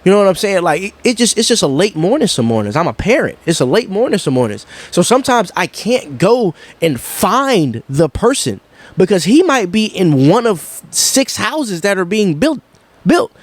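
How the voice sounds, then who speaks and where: A man's voice: sits high, sing-song, normal speed. A young man telling a rambling story to the camera, repeating words and acting out what people said. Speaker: vlogger.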